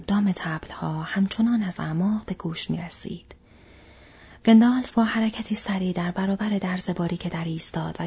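A woman narrating a fantasy story as an audiobook in whispered role-play, with a steady, breathy whisper. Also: on the low side, lo-fi sound.

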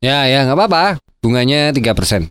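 A man's voice: mid-range voice, sing-song, a little fast, a loud crowd. A man in a comedy sketch, laid-back and teasing, cracking dry jokes.

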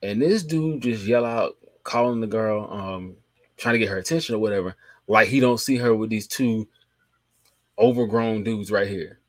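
A man, chatting casually as a podcast co-host. He tells stories in an easygoing way and lets his lines trail off softly. The recording is close and dry. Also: on the low side, normal speed, dry recording. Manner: laid-back storytelling, trailing off quietly. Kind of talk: casual chat.

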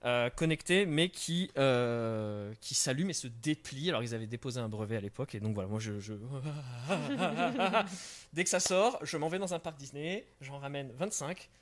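A man's voice: medium pitch, normal speed. A young man hosting a live stream in casual chat, full of fillers and restarts. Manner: hesitant, many fillers and restarts. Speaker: stream host. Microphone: studio microphone.

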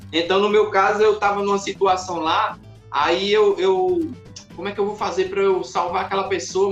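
A man, a podcast guest in casual chat, who tells his stories in an animated way and acts out the scenes. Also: high-pitched, lo-fi sound. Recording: roomy echoey room.

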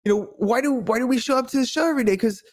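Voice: medium pitch, very fast. A podcast co-host talking casually and motivationally, earnest and rambling, often checking that the listener agrees.

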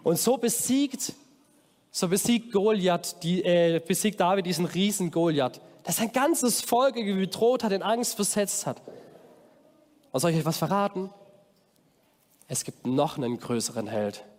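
High-voiced energetic man preaching to children. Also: measured pace. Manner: energetic, calls out to the audience. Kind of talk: lively children's sermon. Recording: long hall reverb.

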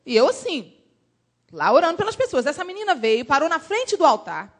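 A woman from Brazil, a missionary preaching a sermon in an animated, emphatic storytelling way. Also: high-pitched, a little fast.

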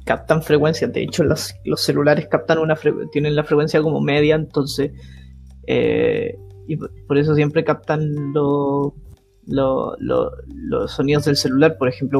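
Casting: man, playful casual talker, a bit high-pitched, faint music underneath. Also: gravelly, darkish tone. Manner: joking, playfully acts out voices. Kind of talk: casual chat.

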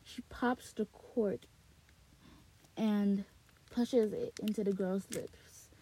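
A mid-range, mellow voice with a breathy edge and fairly even intonation reads a novel slowly for a podcast, recorded in a small closet with poor audio. Then she rambles in casual chat, repeating words and restarting with lots of fillers.

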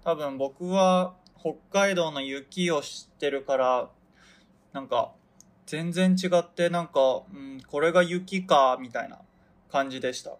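Young man from Hokkaido, casual solo podcast host, slightly high voice, meandering self-mocking chatter. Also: a little slow. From Hokkaido, Japan. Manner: rambling, chatty, loses his thread and laughs at himself. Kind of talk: casual solo radio chat.

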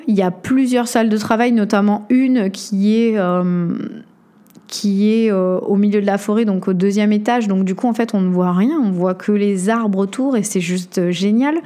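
A woman hosting a podcast, telling a personal story in an animated way, full of hesitations and fillers. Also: mid-range voice. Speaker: podcast host.

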